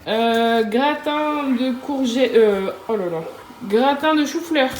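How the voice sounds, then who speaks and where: A woman's voice: high voice, takes it slowly. A young woman chatting casually in a family vlog at home, hesitant and laughing as she lists the dishes she cooked. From France. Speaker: vlogger mother. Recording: echoey room, faint noise.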